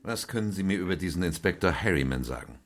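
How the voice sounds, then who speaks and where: Deep-voiced, earnest doctor telling his tale. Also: animated, quick pace. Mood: probing. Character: Doctor Watson, earnest male doctor and troubled narrator. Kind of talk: radio drama narration and dialogue.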